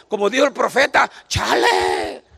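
A man's voice: extremely high pitch, moderate pace, gravelly, a bit bright. A man, preaching a joking sermon to a church congregation and often calling out to them for agreement. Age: 50s. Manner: joking, calls out to the audience with repeated "right?".

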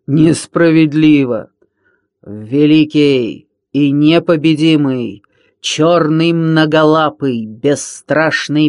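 A man voicing a hairy male space pirate villain who brags and threatens loudly in a slightly raised voice. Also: fairly high pitch, dry recording, clean studio sound. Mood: boastful. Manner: loud, bragging, whiny threats.

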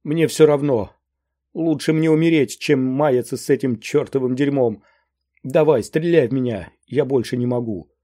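A man's voice: normal speed, dark tone, close to an everyday voice. A man reading an audiobook, voicing a fat, hysterical male safecracker who whines and sobs in despair. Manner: whining, sobbing, shrill.

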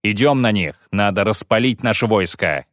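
Man doing a gruff monster hunter, clipped, grim, low voice. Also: normal speed, a bit bright, dry recording, clean studio sound, lightly acted. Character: gruff weary male monster hunter, terse.

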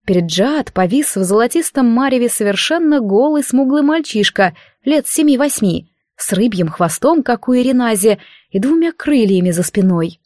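A woman narrates a fantasy story at an even, measured storytelling pace, her voice fairly high. The sound is close and dry with no room around it. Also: no echo. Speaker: audiobook narrator.

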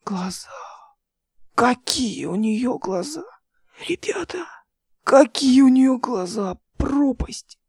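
A woman's voice: medium pitch, fairly even intonation, dark tone, dry recording, clean studio sound, natural voice. A woman reading as a drunk, dazed male pilot. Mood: slurring. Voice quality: slurred, halting speech.

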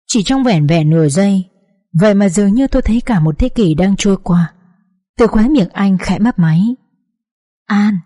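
A woman narrating an emotional first-person story in a measured, expressive reading, then closing the episode as host. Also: mid-range voice.

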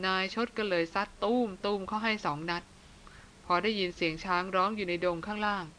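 A woman's voice: mid-range voice, fairly even intonation, fairly quick, fairly bright tone, slight background noise, lightly acted. A woman voicing an old male jungle guide who grumbles and scolds, clicking his tongue. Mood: grumbling.

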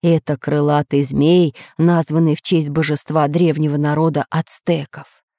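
A woman voicing a calm, learned male geographer who explains things in a measured way. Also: sits low, no room sound, studio quality, voice pushed down. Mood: explaining.

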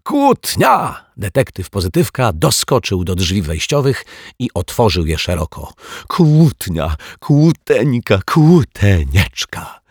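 A man voicing an excitable, eccentric male detective in a children's audiobook, gleeful one moment and hushed the next. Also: sits low, normal speed, slightly rough, no room sound, clean studio sound, full character voice. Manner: gleeful shouts turning to hushed whispers.

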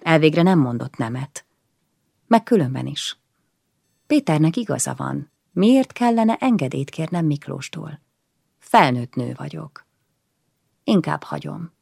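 Low, gravelly woman reading a novel. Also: no echo, studio quality. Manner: quiet, introspective, measured. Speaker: audiobook narrator. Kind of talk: first-person novel reading.

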